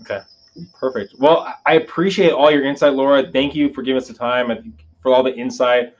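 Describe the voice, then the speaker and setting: A man's voice: medium pitch, steady tone, a little fast, muffled recording. A man hosting a conversational interview podcast, rambling a little as he rephrases his questions. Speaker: podcast host.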